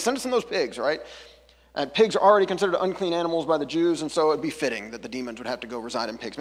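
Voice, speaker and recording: Husky pastor in a reverberant hall. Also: male voice, a little high. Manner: chatty, self-interrupting, jokey asides. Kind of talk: conversational sermon.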